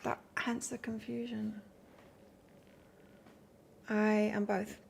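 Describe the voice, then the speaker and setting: This tarot reader speaks slowly in a creaky, mid-range voice with little pitch movement, over slight background noise. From the north of England, with an accent that mixes northern English and Australian, she gives a chatty, rambling live-stream reading and talks with viewers between cards.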